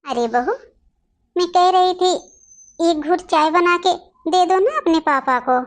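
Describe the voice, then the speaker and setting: A woman voicing a gentle older mother-in-law in a cartoon family story, speaking softly and mildly. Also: extremely high pitch, expressive, a little slow.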